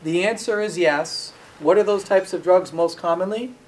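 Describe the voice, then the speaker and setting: In a lecture room with echo and faint hiss, a high-pitched, darkish-toned pharmacology lecturer is recorded from a distance. He speaks at a moderate pace, asking his students things and answering them himself.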